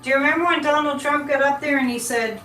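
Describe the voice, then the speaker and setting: A high, bright voice with a forceful tone and fast delivery belongs to a woman hosting a casual live psychic chat. She rambles at viewers and stops mid-thought; the audio is echoey, from a distant mic, with faint noise.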